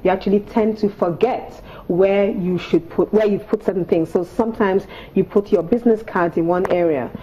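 A woman's voice: medium pitch, steady tone, moderate pace, few pauses, warm tone, breathy edge, highs cut off. A Nigerian-accented woman in her thirties explaining things as an etiquette coach on TV, with prim, precise, instructive enunciation. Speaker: etiquette coach, studio guest. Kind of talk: explanatory talk on a TV morning show. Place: TV studio on a sofa set.

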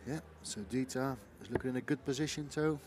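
A man's voice: mid-range voice, a little fast. A man giving chatty live commentary on darts as one of two commentators. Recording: faint venue noise behind.

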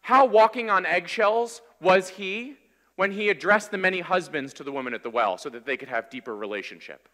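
Preaching a sermon in a big church, this thirtysomething pastor talks a little fast, keeping things energetic and conversational. His pitch is high, his tone bright and forceful, and a long hall reverb trails each word.

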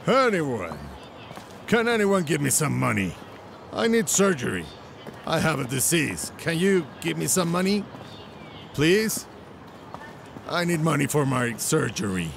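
An actor playing a drunk beggar pleading for money, street noise around. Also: male voice, a little high, big pitch swings, a little slow, creaky, long pauses, a bit bright, heavily acted. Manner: pleading, whining.

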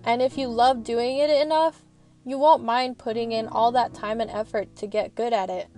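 Gentle music plays softly as a young adult student vlogger records a relaxed, rambling voice-over in her parked car. She speaks frankly and earnestly in a slightly high voice, keeping a steady tone at normal speed.

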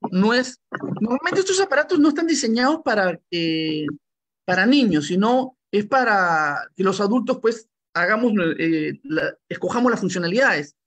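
A middle-aged man hosting a relaxed video call chat from a room at home, rambling with fillers and restarts. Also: high voice, normal speed. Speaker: host. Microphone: laptop mic on video call.

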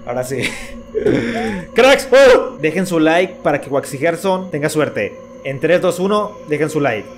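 A man's voice: a little high, expressive, moderate pace, hardly any pauses. A young man giving jumpy, panicky let's-play commentary to his viewers. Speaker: gaming YouTuber. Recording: music playing behind.

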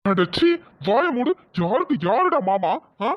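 A man voicing an angry older father in a cartoon, gruff and scolding as he threatens his son-in-law. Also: very high-pitched, expressive, fast talker. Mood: furious. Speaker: father of the wife. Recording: dull, dry lo-fi audio.

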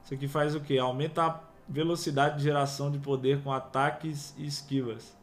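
A young Brazilian gamer gives casual, slangy commentary with plenty of swearing, mumbling through menus as he plays. His voice sits a little high and he talks into a headset in a small room, with faint game music behind. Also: flat delivery, a little fast. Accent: Brazilian Portuguese. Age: young adult. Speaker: gaming youtuber. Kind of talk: let's play commentary.

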